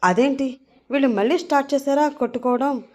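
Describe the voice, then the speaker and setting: A fiery young sister shouts down two brawling men, her voice high, loud and indignant, as a woman storyteller puts her on. It is an audio story reading with plenty of scolding in every line. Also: moderate pace, natural voice.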